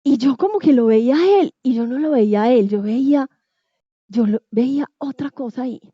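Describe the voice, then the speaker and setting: A woman with a Colombian Spanish accent giving a personal faith testimony, emotional and acting out her dialogues with quick shifts in tone. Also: sits high, husky, no echo. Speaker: testimony speaker. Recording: dull, muffled sound in a dry space.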